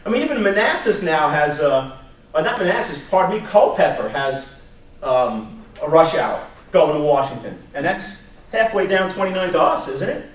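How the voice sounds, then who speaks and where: At a moderate pace and in a slightly high voice, a job search instructor with a Brooklyn New York accent, from Long Island, gives a staff meeting an informal, story-driven talk. He acts out quotes, asks rhetorical questions, and chuckles, while the distant recording picks up an echoey indoor room and background noise.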